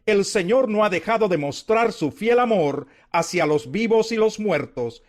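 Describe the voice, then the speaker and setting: A man's voice: high voice, expressive, unhurried. A man voicing a caring older mother-in-law who gives motherly guidance in scripted scripture dialogue. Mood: grateful wonder. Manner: motherly, advising.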